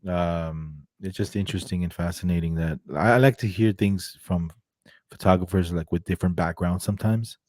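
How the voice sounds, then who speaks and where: A middle-aged man from Armenia, hosting a casual chat. His voice sits very low and sounds dark and mellow, with a loose, filler-heavy way of talking. The sound is dry and close, from a studio mic in a room at home. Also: moderate pace, dry recording. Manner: relaxed, chatty, many fillers and restarts. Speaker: podcast host interviewing a photographer. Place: indoor room with leather couch, on a video call. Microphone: studio microphone close to the mouth.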